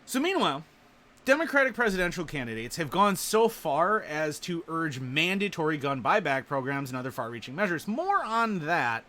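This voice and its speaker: A man hosting a show, giving sarcastic, animated political commentary while reading the news aloud. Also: on the high side, moderate pace. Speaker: show host.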